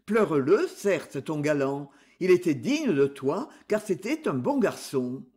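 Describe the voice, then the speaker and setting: A man voicing a gentle elder brother from the countryside, who speaks softly, consoling and earnest. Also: fairly high pitch, sing-song, measured pace.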